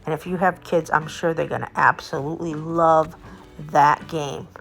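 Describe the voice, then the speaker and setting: A woman's voice: sits low, steady tone, moderate pace, creaky, a bit bright. A woman narrating a casual vlog tour as host, in a chatty, enthusiastic way. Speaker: video host and local tour guide. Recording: background music under the voice. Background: music.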